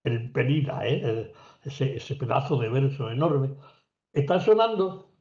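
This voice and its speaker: Speaking a little slowly in a warm, mid-range voice, a very animated poet talks about poetry in an academic seminar conversation. The recording is roomy and slightly dull; he lectures with frequent fillers and restarts, now and then singing or reciting examples.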